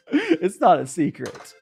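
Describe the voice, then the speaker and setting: Faint, soft music sits under this young Southern Californian streamer's casual tea-chat livestream, where he rambles chattily to viewers, mocks himself, and often restarts or uses fillers. His voice is creaky and slightly rough, with frequent rises and falls in pitch.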